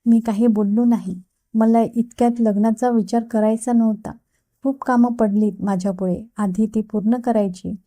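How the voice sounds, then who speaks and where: A woman narrating a novel aloud in a calm, steady storytelling manner. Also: fairly high pitch, normal speed, no room sound. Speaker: audiobook narrator. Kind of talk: novel reading.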